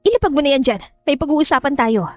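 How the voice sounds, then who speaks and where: A woman with a high-pitched, animated voice pushed upward talks fast over soft background music. She voices a cold, scheming, chain-smoking mother who gives curt, commanding orders while coaxing her daughter.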